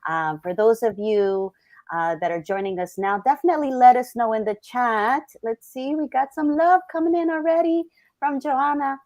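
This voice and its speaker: A woman's voice: fairly high pitch, moderate pace, a little mellow. A woman from Colombia hosting a casual live-stream interview, chatty and upbeat, often restarting her sentences. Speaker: host.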